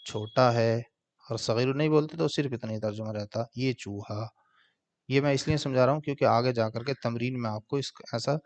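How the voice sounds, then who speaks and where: A man teaching an Arabic grammar lesson, translating word by word in a slow, patient way. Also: medium pitch, dull audio.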